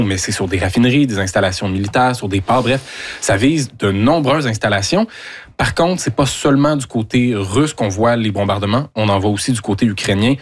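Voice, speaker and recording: A man giving a steady on-air news report. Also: fairly low pitch, husky. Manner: steady, informative delivery.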